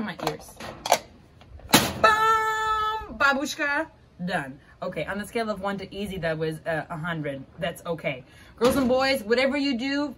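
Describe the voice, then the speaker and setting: A woman's voice: on the high side, fairly bright tone, slight background noise. A young woman leading kids through backyard water games outdoors, jokey and bubbly, laughing often. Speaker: activity leader. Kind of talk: playful outdoor activity demo for kids.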